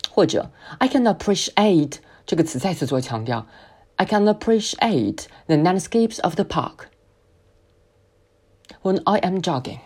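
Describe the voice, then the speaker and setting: A woman whose first language is Chinese, teaching an English speaking lesson and slowly modelling words for the listener to repeat. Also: deep voice, warm tone. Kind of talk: spoken English pronunciation lesson.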